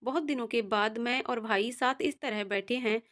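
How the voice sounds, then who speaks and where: A woman's voice: fairly high pitch, moderate pace, fairly bright tone, close to an everyday voice. A woman voicing a caring married daughter who is earnest and politely firm, in a storybook reading.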